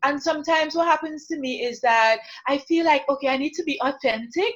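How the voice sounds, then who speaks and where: A woman's voice: high voice, fairly quick, muffled recording. A woman from Guyana, a counsellor, talking earnestly and reflectively as an interview guest.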